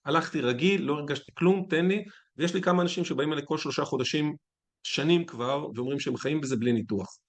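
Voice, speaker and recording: A man, a physician, giving a conference lecture in a conversational, candid way with anecdotes. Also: on the high side.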